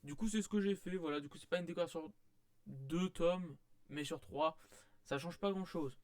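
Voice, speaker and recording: Man, casual rambling review, higher voice, dry sound. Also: moderate pace, a little mellow, dry recording. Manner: rambling, many fillers and restarts. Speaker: manga reviewer.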